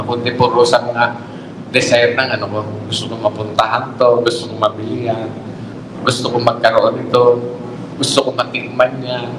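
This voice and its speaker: A man's voice: medium pitch, a bit bright. A man preaching a sermon, exhorting his listeners with rhetorical questions. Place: church hall. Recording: echoey hall, faint noise.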